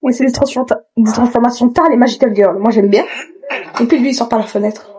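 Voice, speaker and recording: Reaction host: a woman, outspoken and joking, warm mellow tone. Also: fairly high pitch, a little fast, slightly rough. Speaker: YouTuber reacting to a cartoon. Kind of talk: casual reaction commentary.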